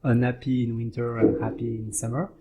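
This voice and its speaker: A man talking as a podcast guest in casual chat. He speaks earnestly and often pauses to find the right word. His voice sits in the middle range. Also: mid-range voice, level tone, vocal fry, very noisy. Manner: earnest, searching for words.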